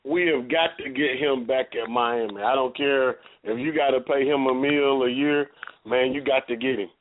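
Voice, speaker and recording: A man's voice: mid-range voice, steady tone, normal speed. A man calling in to a sports radio show over the phone, talking casually and insistently, repeating his point. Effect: heard over the phone. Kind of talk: casual call-in chat. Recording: tinny phone line.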